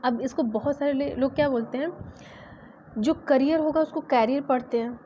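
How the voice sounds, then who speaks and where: ऊँची आवाज़ वाली महिला शिक्षिका, धीमी स्पष्ट व्याख्या. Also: female voice, high voice, steady tone, moderate pace, dark tone. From India. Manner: explains patiently, spells words out letter by letter. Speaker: English grammar teacher. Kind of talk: exam-prep grammar lesson. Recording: dull lo-fi sound with faint noise.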